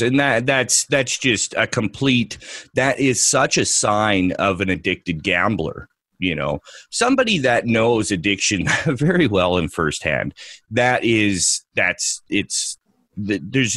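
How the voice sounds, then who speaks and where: Man, swearing rant, swooping animated pitch, dry close sound. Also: dry recording. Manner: profane, animated ranting with mocking put-on quotes. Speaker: podcast co-host, trader. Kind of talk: ranting casual podcast talk.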